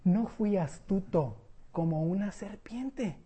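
A woman preaching a sermon in a conversational, animated storytelling way. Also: medium pitch, slow pace.

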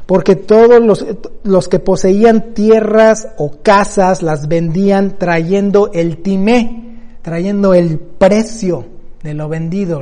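High, mellow-voiced man preaching. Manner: explanatory, asks rhetorical questions. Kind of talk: bible teaching sermon.

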